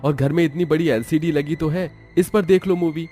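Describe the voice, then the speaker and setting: A man's voice: on the high side, fairly even intonation, moderate pace, dark tone, soft background music, close to an everyday voice. A man voicing a mildly exasperated young husband who scolds in a plain, reasonable way. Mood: reasoning.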